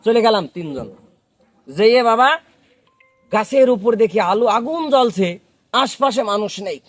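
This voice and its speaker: Yarn-spinning for an audience, a storyteller delivers a comic tall tale with drama, repeating phrases to stretch out the suspense. His high, animated voice keeps a measured pace, with no room sound and faint music in the background.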